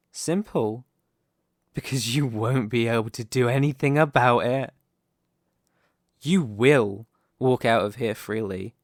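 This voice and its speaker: In an ASMR roleplay, a man voices a young mafia boss who is possessive and scheming, delivering his lines in a deliberate, condescending, theatrical manner. His pitch sits in the middle range, and the voice sounds natural in a clean studio recording with no echo.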